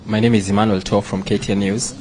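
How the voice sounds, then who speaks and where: A man's voice: fairly low pitch, little pitch movement, fast, heavy background noise. A man, a TV news reporter asking a hesitant, polite question at a press conference.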